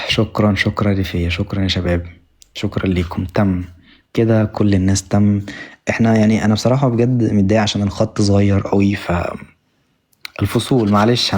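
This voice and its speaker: A man's voice: fairly low pitch, a little mellow. A young Egyptian man teaching German on a live stream, repeating each word over and over and thanking viewers often. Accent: Egyptian Arabic. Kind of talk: live-stream language lesson.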